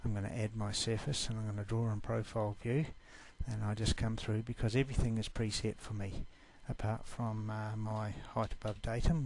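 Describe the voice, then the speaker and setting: Speaking with a New Zealand accent, a man from New Zealand casually walks viewers through a software class in a screencast. His low voice carries some vocal fry, and there's slight background noise.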